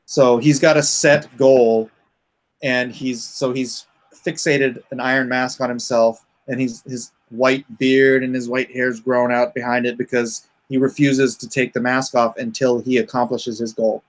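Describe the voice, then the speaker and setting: Speaking with a mid-range, flat voice, a man haltingly talks through his creative project in a casual, off-the-cuff chat, groping for words along the way. The audio quality is poor.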